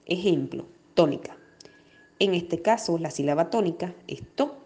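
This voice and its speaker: A woman teacher records a distance-learning lesson for young pupils, in a voice of middle pitch. She explains slowly and clearly, pausing on each example and leaning on the stressed syllables. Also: warm tone. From Venezuela. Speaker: primary school teacher.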